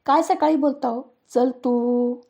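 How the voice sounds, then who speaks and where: A woman voicing a stern, fed-up middle-aged mother who nags loudly in a storybook tale. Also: fairly even intonation, slow, vocal fry, heavily acted. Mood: complaining. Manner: shrill, loud, nagging.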